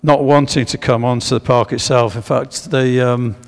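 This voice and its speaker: A man gives a history lecture in a church, pausing on fillers and restarting his sentences as he asks the audience for guesses. His voice has a gravelly, creaky edge at a middling pitch. The church hall's long echo trails after his words. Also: steady tone. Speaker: speaker giving a history talk. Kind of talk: public lecture with slides.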